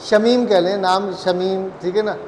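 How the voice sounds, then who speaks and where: A man's voice: high-pitched, steady tone, measured pace, darkish tone, roomy sound, big-room sound, slight background noise, poor audio. A man whose first language is Urdu, giving a casual spoken language lesson with a chatty, joking manner and lots of fillers. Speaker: German language teacher.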